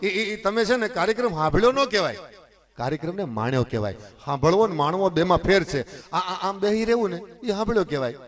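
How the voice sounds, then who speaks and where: A man's voice: high voice, lively intonation, fast talker. A man with a Kathiawadi Gujarati accent telling folk stories on a live stage, chatty and teasing as he speaks straight to the crowd. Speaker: folk storyteller and stage announcer. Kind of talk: live folk storytelling to an audience.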